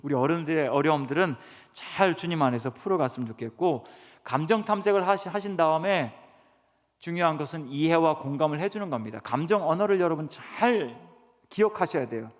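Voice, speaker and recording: Guy preaching to a congregation, kinda high voice, asks the room questions a lot, long echo like a big church. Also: lively intonation, a little fast. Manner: earnest, keeps asking the congregation questions. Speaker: guest speaker professor. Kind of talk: sermon lecture. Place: church sanctuary. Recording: reverberant church hall.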